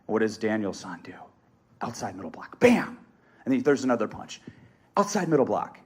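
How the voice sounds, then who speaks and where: A man in his thirties giving an energetic live motivational talk on a museum stage, speaking into a stage microphone. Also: fairly low pitch, a little fast, husky. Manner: energetic, rallying the audience. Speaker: motivational speaker and martial arts instructor. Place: stage at an event venue in a museum.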